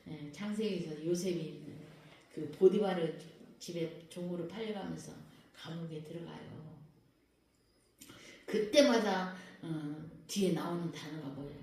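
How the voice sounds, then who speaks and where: A woman's voice: deep voice, a little slow, warm tone. A woman pastor preaching a sermon who keeps questioning her congregation and waiting for their reply. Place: prayer house worship hall. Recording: very echoey hall, voice far from the mic.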